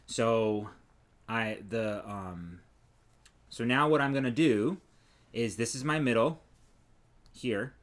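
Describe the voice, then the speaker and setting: A man's voice: mid-range voice, takes it slowly, pauses often. Male podcast co-host, easygoing, shows his crochet while chatting. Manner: relaxed, trails off and restarts while showing work. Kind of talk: casual chat about crochet.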